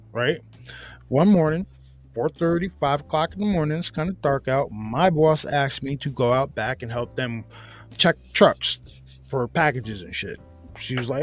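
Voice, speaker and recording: A man telling a story in a casual chat, animated and profane, breaking into high yelps as he acts out being scared. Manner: animated, profane, jumps to loud high yelps when acting out his fright. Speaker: podcast host.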